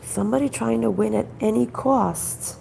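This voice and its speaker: A woman with a groggy, croaky voice from a troubled throat, doing a conversational card reading in halting, repeated phrases and questions. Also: a little high, warm tone, a little hiss or hum. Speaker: spiritual card reader, host.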